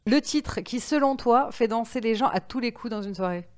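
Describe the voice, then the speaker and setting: Woman, podcast host, casual chat, quick follow-up questions. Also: fairly high pitch. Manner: relaxed interviewer who jumps in with quick questions.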